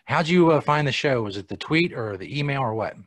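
An American man from the United States hosts a live podcast, chatting casually in a profane, sardonic tone full of muttered asides. His mid-range voice is expressive and fairly bright, moving a little fast, with no room sound.

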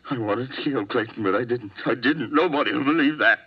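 On a dull lo-fi old radio broadcast of a 1950s drama, a man with a medium-pitched, brisk, breathy voice plays a volatile murder suspect. Desperate and hot-tempered, the character swings between threats and pleading.

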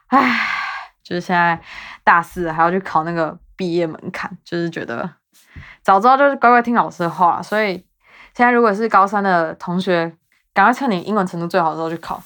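A woman's voice: lowish voice, fairly bright tone. A woman in her twenties with a Taiwanese Mandarin accent, hosting her podcast in a rambling, self-mocking casual chat. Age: 20s. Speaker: podcast host.

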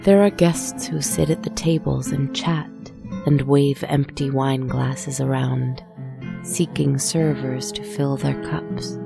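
A woman softly narrating a guided relaxation story in a hushed, soothing, spa-like manner, with deliberate, poetic phrasing. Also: very deep voice, fairly even intonation, vocal fry, over music.

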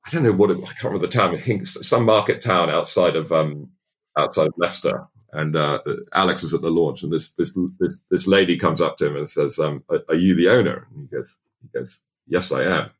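A middle-aged man from England in casual podcast chat, talking haltingly with many restarts and fillers. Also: a bass voice, slightly rough.

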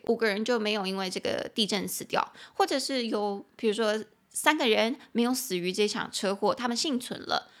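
A woman with a Taiwanese Mandarin accent hosting an English-lesson podcast, reading English sentences slowly, then explaining and spelling them in a chatty way. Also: medium pitch, creaky, a bit bright. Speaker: English teacher and podcast host. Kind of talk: bilingual language-lesson podcast.

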